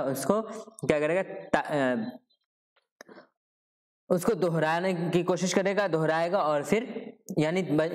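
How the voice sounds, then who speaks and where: A man lectures students for an exam, his voice sitting a little high for a man. He moves point by point, asks himself questions and answers them, and checks in with a steady "ठीक है" as he goes. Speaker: teacher. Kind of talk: exam-prep lecture on Urdu pedagogy.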